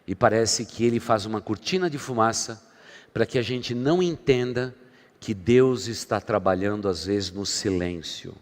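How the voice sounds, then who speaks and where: A pastor delivers a sermon in a somewhat low voice. He shifts dramatically between loud, emphatic lines and soft, quiet asides. His voice rings with the long reverb of a church hall. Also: normal speed. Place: church sanctuary.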